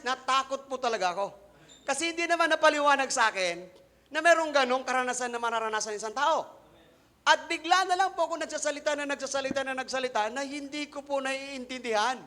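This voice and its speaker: A man with a strikingly high, bright voice delivers a Sunday sermon built on his own testimony. He talks straight to the congregation and mixes in English phrases. He drops to quiet asides, then rises to loud, emphatic lines. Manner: addresses congregation directly, mixing in English phrases. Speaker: preacher.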